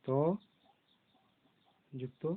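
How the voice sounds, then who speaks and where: A man teaching young children to read, spelling out letters slowly and patiently in a classroom lesson. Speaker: primary school teacher. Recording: tinny phone-like recording.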